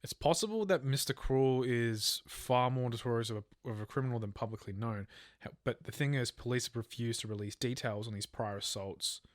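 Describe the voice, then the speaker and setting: Medium-pitched and brisk, this true crime podcast co-host is recorded dry with studio quality. He works through a case from notes in a semi-scripted, chatty way, tripping over words and fixing them as he goes.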